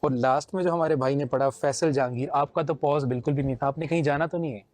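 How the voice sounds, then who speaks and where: A man's voice: fairly high pitch, fairly even intonation, quick pace, darkish tone, no room sound. A man with a Pakistani Urdu accent, judging a naat competition and explaining his points with homely examples and mild humor. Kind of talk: judge's critique.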